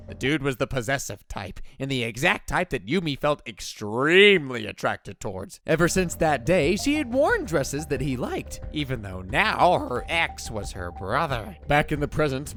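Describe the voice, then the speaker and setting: A man's voice: fairly high pitch, fairly bright tone. A man narrating a scripted comedic story recap in a slangy, irreverent way with sarcastic asides.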